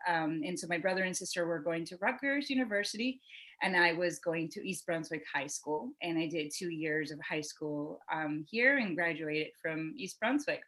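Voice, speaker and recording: A woman in her thirties from Venezuela, a native Spanish speaker, telling her life story in a relaxed, chatty way as a podcast guest. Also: on the low side, moderate pace, poor audio. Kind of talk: casual interview storytelling.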